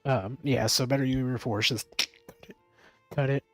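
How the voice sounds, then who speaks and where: A man's voice: medium pitch, fairly even intonation, moderate pace, a bit bright, no echo, soft background music, low-quality recording. A man chatting casually on a stream, rambling and swearing freely with frequent laughs. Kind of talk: casual chat.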